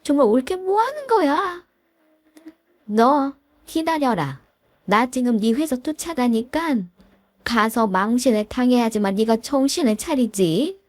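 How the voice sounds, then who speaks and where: A woman's voice: a little high, animated, measured pace, dry recording, clean studio sound, pitched above the performer's own voice. A woman voicing a pushy sister-in-law who backs her mother, talking shrilly.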